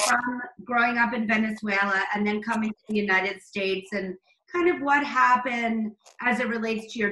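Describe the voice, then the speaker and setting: Her tone is bright and forceful as she interviews a talk show guest, exclaiming effusively with large pitch swings. There's slight background noise, and the room echoes.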